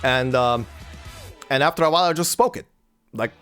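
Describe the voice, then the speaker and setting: Hosting a let's play with faint music behind him, a Croatian man speaks in a clean, medium-pitched, fairly bright voice. His English accent mixes American and British, with a slight German tinge. He chats casually with viewers, halting frequently and full of fillers and repeated words.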